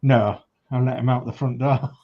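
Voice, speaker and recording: A man's voice: medium pitch, steady tone, moderate pace. A man with a Hull accent giving casual hands-on workbench commentary, often muttering to himself as he works. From England, Hull. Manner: muttering to himself while working. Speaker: hobby model-making demonstrator. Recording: dull, noisy room recording.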